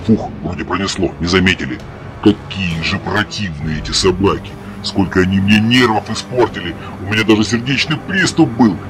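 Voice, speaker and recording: Man as low, sneaky cartoon alien. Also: normal speed, natural voice. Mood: sneaky grumbling. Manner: gloating, muttering, disgruntled. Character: sneaky, complaining cartoon alien villain, male. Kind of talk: scripted cartoon voice-over. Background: music.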